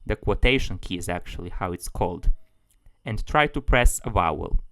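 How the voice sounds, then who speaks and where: A man's voice: low-pitched, expressive, moderate pace, fairly bright tone, dry recording. A man giving a tutorial as a language tutor, explaining things steadily, step by step.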